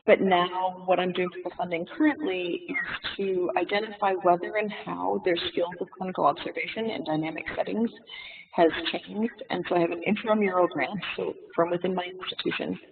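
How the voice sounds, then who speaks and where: A webinar presenter talks haltingly, filling pauses with ums and uhs, in a gravelly voice. The call audio carries a sudden reverb, as if heard in an echoing room, and sounds thin and phone-like from off the mic. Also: mid-range voice, steady tone, recorded from a distance, a little hiss or hum. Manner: hesitant, with many fillers.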